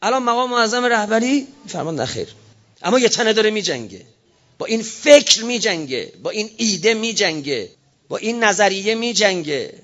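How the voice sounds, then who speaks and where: Impassioned high-voiced male preacher. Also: expressive. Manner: impassioned, rising to shouts and dropping low. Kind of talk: religious sermon with prayers. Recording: dull lo-fi recording.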